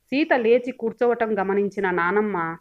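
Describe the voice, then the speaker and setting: A woman reading a story aloud as an audiobook narrator, in a steady, expressive way. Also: mid-range voice, normal speed. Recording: dull lo-fi recording.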